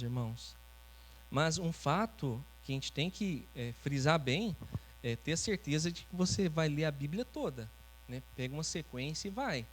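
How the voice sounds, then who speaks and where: Pastor, male, chatty teaching sermon, slightly high voice, light mains hum on the recording. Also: rough recording. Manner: conversational, often ends phrases with "né?". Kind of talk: teaching sermon with congregation interaction.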